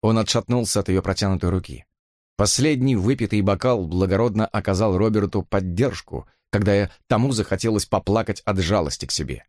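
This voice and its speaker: A man narrating a novel as an audiobook reading, with expressive, dramatic delivery. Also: on the low side, a little fast, no room sound, clean studio sound.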